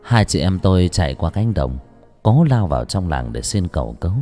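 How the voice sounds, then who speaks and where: A man narrating a horror audiobook in a dramatic, expressive way. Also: deep voice, normal speed, soft background music.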